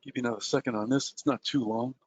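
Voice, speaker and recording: A man's voice: medium pitch, steady tone, quick pace, breathy edge, dry recording. Chatty male webinar presenter, dull sound. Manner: conversational, many "uh" and "um" fillers, addresses listeners directly. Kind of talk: live trading webinar presentation.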